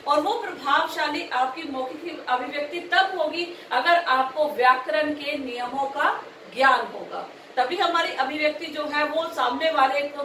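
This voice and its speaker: A woman's voice: sits high, fairly bright tone, distant mic, slight background noise. A woman teacher giving a grammar lecture to trainee teachers. She asks rhetorical questions and keeps checking that the class is following. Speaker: teacher educator. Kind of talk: recorded Hindi grammar lecture. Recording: echoey room, voice from off-mic.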